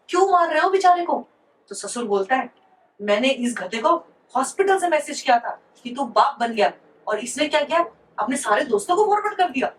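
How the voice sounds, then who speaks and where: A woman telling a rapid string of jokes to camera, shifting her voice up and down for each character. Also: on the high side. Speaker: joke teller. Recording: voice from a distance with faint background noise.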